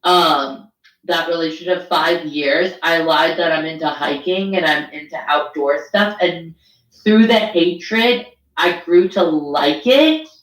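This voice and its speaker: A woman's voice: low-pitched, takes it slowly, fairly bright tone. Crude, rambling woman podcast co-host. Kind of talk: casual podcast banter. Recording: roomy echo.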